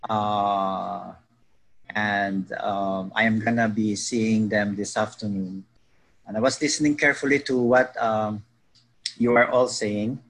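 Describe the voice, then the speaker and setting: Male psychologist, slightly husky, polite and hesitant, on a video call. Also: lowish voice, little pitch movement, slow pace, poor audio. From Philippines. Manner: polite, hesitant, many filler sounds. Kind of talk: casual panel talk.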